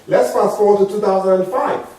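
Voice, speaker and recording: A man's voice: steady tone, a little fast. A man in his forties with an African accent, giving a dramatic, emphatic motivational speech to an audience. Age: 40s. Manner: dramatic, emphatic, swings from low murmurs to loud high exclamations. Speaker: public speaker. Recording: very echoey hall, mic far off.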